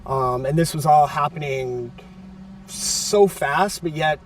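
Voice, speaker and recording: A man's voice: fairly high pitch, slow pace. Man in news clip, hesitant, distant. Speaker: house resident interviewed. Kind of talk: casual news interview clip.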